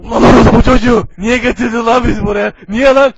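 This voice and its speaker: A brash, combative cartoon hero acted by a man with a very high-pitched voice. He hollers crude slang in a comedy parody dub. The sound is dry and somewhat muffled. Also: a little fast, a bit bright, dry recording. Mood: furious.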